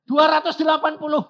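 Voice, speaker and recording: Animated husky older preacher. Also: male voice. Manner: animated, acts out dialogues with sudden loud high jumps. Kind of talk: storytelling sermon. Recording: dull lo-fi sermon recording.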